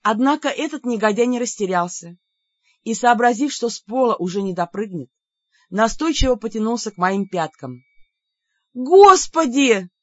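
A woman's voice: on the high side, expressive, normal speed, dry recording. Woman narrator, first-person fiction reading, dull lo-fi sound, dry studio. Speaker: audiobook narrator.

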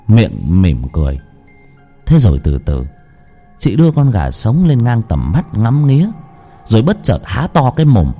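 A man narrating a horror story in a dramatic, slow and suspenseful way. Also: medium pitch, warm tone.

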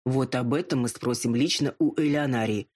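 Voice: medium pitch, darkish tone, close to an everyday voice. A narrator voicing a haughty dragon lord. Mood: curt. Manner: drawn-out and pleading when drunk, curt when sober. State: drunk and drowsy. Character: arrogant male dragon lord, a gruff millionaire.

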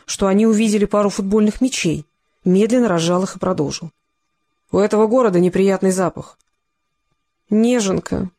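A narrator reads a novel aloud at a steady, descriptive pace. The voice sits at a middling pitch, with nothing unusual about its tone. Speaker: audiobook narrator. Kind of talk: scripted narration.

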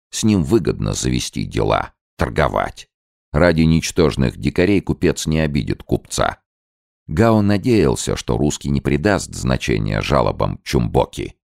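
A man narrating an audiobook in a measured storytelling voice. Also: rumbling low, creaky, darkish tone, dry recording, clean studio sound. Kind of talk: scripted narration.

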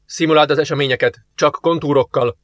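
A man playing a brisk deputy commander. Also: on the high side, steady tone, no room sound, lightly acted. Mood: commanding. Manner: commanding, terse orders. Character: eager male deputy commander investigating a murder.

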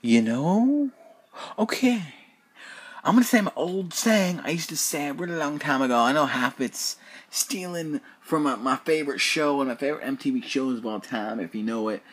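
A man hosting his podcast alone speaks at a moderate pace in a slightly high, husky voice with lively intonation. Having been awake almost 24 hours, he rambles repetitively and drops casual swear words.

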